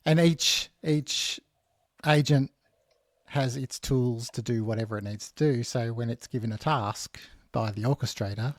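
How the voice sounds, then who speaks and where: A man's voice: mid-range voice, measured pace, no room sound, studio quality. A man co-hosting a podcast, explaining technical ideas casually and step by step, thinking aloud. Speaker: podcast co-host.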